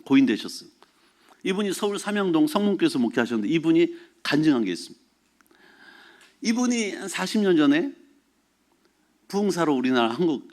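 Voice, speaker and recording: A man preaching a Sunday sermon as pastor, telling a story in an animated way and shouting exclamations from it. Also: a little high. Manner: animated storytelling, mixes formal and casual speech, shouts acted exclamations. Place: church sanctuary.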